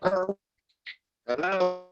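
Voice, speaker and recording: A man's voice: slow, lo-fi sound. A man chairing an online meeting, casual and hesitant, his audio breaking up on a weak video call connection. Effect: breaking-up video call audio on low bandwidth. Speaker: committee chair. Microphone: computer on a video call.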